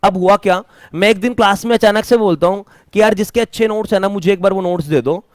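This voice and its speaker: High-voiced male teacher, questioning. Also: quick pace, no room sound, clean studio sound. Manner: questioning, drills students with repeated questions; mixes Hindi with English terms. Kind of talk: classroom lecture. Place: classroom.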